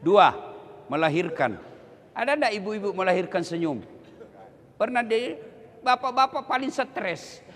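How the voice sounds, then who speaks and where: A man giving a lively, joking sermon to students. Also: high voice, unhurried, long pauses. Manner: lively, joking, acts out voices. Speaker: preacher. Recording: long hall reverb.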